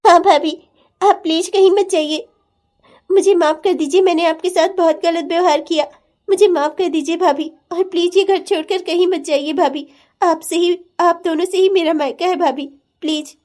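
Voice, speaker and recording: A woman's voice: very high voice, steady tone, moderate pace, a little mellow. A woman voicing a spoiled young sister-in-law who whines and begs forgiveness in a cartoon drama. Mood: pleading. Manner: whiny, pleading. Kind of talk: cartoon family-drama dubbing.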